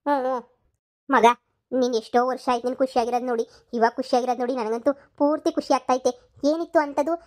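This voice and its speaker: A woman voicing a village mother and wife in a cartoon comedy, talking quickly and anxiously. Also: sits high, fairly even intonation, darkish tone, lightly acted. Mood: gossiping.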